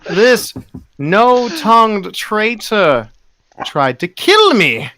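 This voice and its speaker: A man voicing a pompous high priest who proclaims slowly to a crowd. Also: very animated, pushed and bright, dry recording, heavily acted. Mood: booming, gloating. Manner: grandiose, slow proclaiming.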